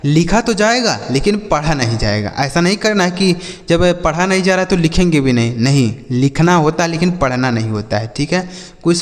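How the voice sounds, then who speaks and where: Brief: male teacher, slightly high voice, slow drilled spelling and repeating, reverberant hall sound. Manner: repetitive, asks and answers his own questions. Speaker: English teacher. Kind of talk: spelling-out vocabulary lesson.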